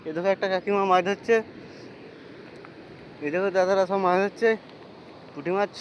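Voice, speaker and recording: Walking along a muddy riverbank and riding a boat, a man talks to his viewers and hails passers-by, filming on a handheld phone. He speaks at normal speed in a high, flat voice, and the recording is muffled with outdoor wind and boat sounds.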